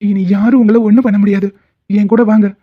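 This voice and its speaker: A woman voices a protective, righteous male doctor in a cartoon drama, sounding reassuring but firm. Her mid-range voice is steady, fairly quick, and close to her everyday voice, and the audio has a tinny, phone-like quality.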